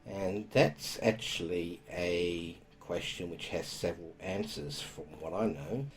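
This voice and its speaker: A man hosting a podcast, explaining spiritual topics in a calm, casual way. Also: deep voice, slow pace. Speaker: podcast host.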